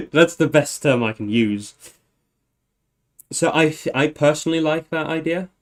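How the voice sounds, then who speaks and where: A man's voice: fairly high pitch, fairly even intonation, unhurried, a little mellow. A man hosting a livestream, casually thinking aloud, often correcting himself and chuckling. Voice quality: meandering, self-correcting, chuckling. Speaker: livestream host.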